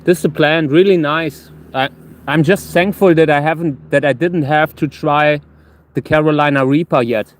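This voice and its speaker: A man chatting casually as a livestream host, halting and restarting words, his tongue numb from hot chili so that talking is a struggle. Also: a little high, steady tone. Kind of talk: casual rambling gardening livestream.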